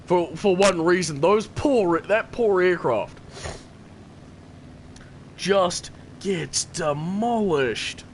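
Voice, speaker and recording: This is a male game streamer chatting casually over his match. His pitch jumps around in a lively, animated way and sits slightly high. He rambles, repeats his words and laughs often. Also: extremely slow, pauses often, slight background noise. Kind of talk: casual gameplay commentary.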